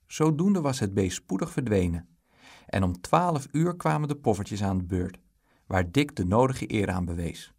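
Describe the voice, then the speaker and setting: A man narrating a children's storybook in an expressive, lively way. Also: on the low side, moderate pace, creaky. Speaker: audiobook reader.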